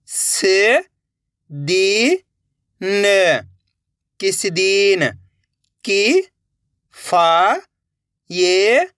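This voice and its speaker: A man's voice: high voice, fairly bright tone, dry recording, clean studio sound. A man teaching a reading lesson, spelling each word out syllable by syllable and then joining the sounds into the whole word. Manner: spells words out one syllable at a time, then blends them.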